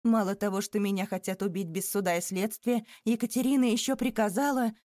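A woman's voice: mid-range voice, normal speed, dark tone, dry recording, clean studio sound, natural voice. A woman voicing a terrified older male banker who pleads and exclaims in rising panic. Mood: panicked.

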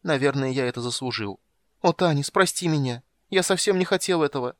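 A man's voice: fairly high pitch, sing-song, normal speed, dry recording, studio quality, voice pushed up. A man voicing a young, childlike kender in an audiobook, stammering out tearful pleas. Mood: resigned. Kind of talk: audiobook character voice.

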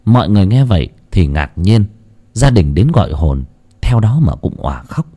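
A male storyteller narrates a ghost story with dramatic expression. His voice is very deep and dark, and his pitch moves a lot. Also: very animated, normal speed, breathy edge.

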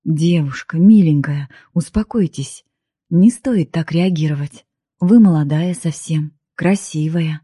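A woman voicing a kind-hearted male police investigator who gently soothes a distressed young woman. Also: sits low, measured pace, breathy edge, no echo, studio quality. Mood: soothing.

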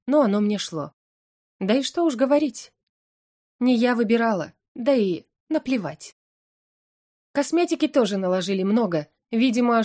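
A woman reading a first-person fantasy audiobook, in an expressive, anxious and wry voice. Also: mid-range voice. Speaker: audiobook narrator.

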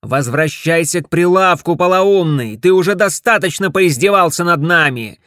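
Storybook wife: man putting on a shrill, bossy middle-aged woman, high and forceful, dry sound. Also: big pitch swings, unhurried, no echo. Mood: scolding. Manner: scolding, shrill, commanding.

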